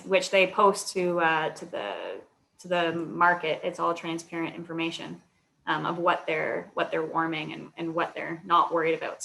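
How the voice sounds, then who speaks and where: A woman's voice: fairly low pitch, vocal fry, pushed and bright, a little hiss or hum. A woman answering questions as an alumna guest in a webinar, explaining at length with frequent fillers over a video call.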